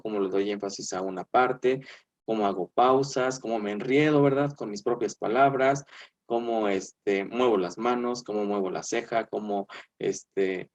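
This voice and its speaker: A man's voice: lowish voice, muffled recording. Chatty male teacher on a video call. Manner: chatty, fills with "eh" and "este", asks "¿verdad?". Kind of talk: online class lecture.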